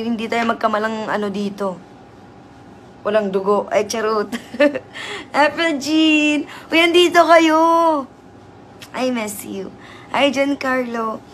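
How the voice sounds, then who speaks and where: A hoarse woman hosting a casual livestream, chatty and teasing as she greets viewers. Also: on the high side, a bit bright, slight background noise. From Southern Leyte, Philippines. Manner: chatty, teasing, laughs often. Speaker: livestream host.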